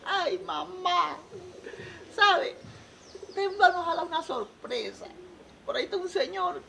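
A weepy, wailing young daughter from a spoken joke. The voice sits in a shrill, high falsetto and sobs as it goes, swinging wildly up and down. A steady noise hangs behind it. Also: male voice, slow, gravelly, exaggerated voice. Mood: excited. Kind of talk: joke telling. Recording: noisy background.

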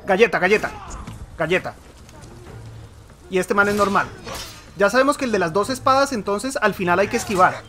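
A man with a Colombian accent doing let's play commentary, excitable and switching between Spanish and English, yelling at the game. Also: high voice, normal speed, pauses often, soft background music. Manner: yells at the game. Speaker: gamer.

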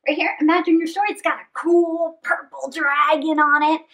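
Against a draped fabric backdrop in a small indoor space, a middle-aged story time host reads a picture book and talks with children in an animated, theatrical way. She gasps dramatically and stretches her words. Her voice is high-pitched and her pace moderate.

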